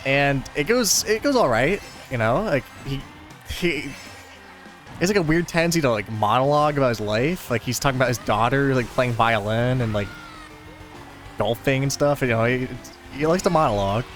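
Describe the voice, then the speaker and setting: A man's voice: medium pitch, moderate pace, fairly bright tone, faint music behind. Laid-back young man rambling over gameplay. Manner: rambling, laid-back storytelling with many fillers. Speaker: gaming video host. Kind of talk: casual chat over gameplay.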